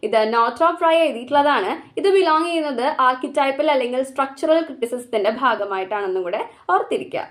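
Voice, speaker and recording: High-voiced Malayali woman teaching exam questions. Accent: Malayali English. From Kerala, India. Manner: reads English questions slowly, explains quickly.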